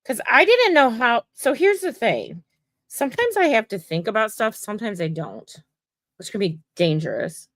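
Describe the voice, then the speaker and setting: A woman's voice: on the high side, big pitch swings, moderate pace, fairly bright tone, no echo, clean studio sound. A woman mosaic artist hosting a livestream, chatting casually and rambling to viewers while she works. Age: adult. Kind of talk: casual chat while crafting.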